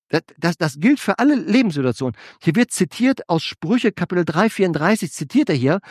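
A male pastor delivers a sermon with a high, animated voice that leaps up and drops low. He keeps asking his listeners questions. The sound is dry and close. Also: no echo. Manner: animated preaching with rhetorical questions to the congregation.

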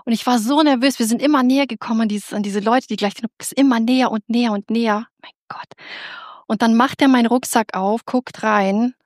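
Woman, lively storyteller, excitable and rambling, higher pitch, dry recording. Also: brisk, no echo. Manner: animated, excitable, with many restarts. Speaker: speaker giving a personal faith testimony.

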